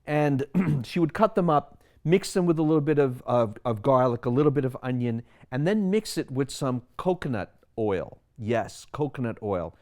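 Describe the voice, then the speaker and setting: A man's voice: mid-range voice, expressive, moderate pace, few pauses, mellow. A man in his sixties from Sri Lanka, a physician speaking about his wellness philosophy in an explanatory monologue full of rhetorical questions. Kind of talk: personal monologue to camera.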